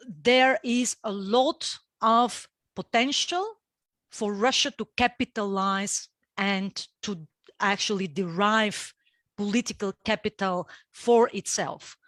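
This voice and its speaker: A woman with a Bulgarian accent gives expert panel remarks at an unhurried pace. She chooses her words carefully and often pauses on fillers. Her voice sounds dry and close. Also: mid-range voice, a bit bright, no echo. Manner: measured, with frequent fillers and restarts. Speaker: guest expert.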